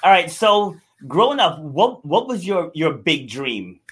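A man hosting a casual interview, chatty and quick to laugh while trading stories with his guest. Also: a little high, sing-song, fairly bright tone, husky. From Rhode Island, USA. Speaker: podcast host.

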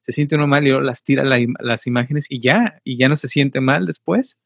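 A man's voice: mid-range voice, brisk, vocal fry, no room sound. A man interviewing casually, speaking hesitantly and affirming often with short interjections. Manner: hesitant, frequent affirming "ujú". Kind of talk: casual conversation.

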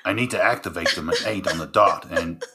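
A deep-voiced calm ally. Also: male voice, brisk. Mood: steady.

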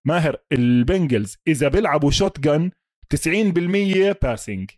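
A man with a Levantine Arabic accent talks football as a podcast co-host. His voice sits a little high and races along in a dry, close sound. He is emphatic, sprinkles English sports terms through his analysis and keeps checking that his partner follows. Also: expressive, a little fast, darkish tone, no echo. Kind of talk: casual American football analysis chat.

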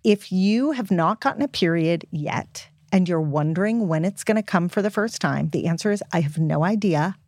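A woman with a lowish, darkish voice and lively intonation talks at normal speed, barely pausing, in clean studio sound without echo. She's a guest author and health expert on a podcast, offering young listeners frank, informal, emphatic advice.

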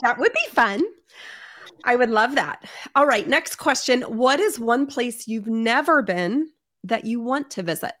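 A woman's voice: fairly high pitch, expressive, a little slow, fairly bright tone. A woman hosting a casual interview podcast, enthusiastic and affirming toward her guest. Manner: enthusiastic, affirming, says amen. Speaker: podcast host.

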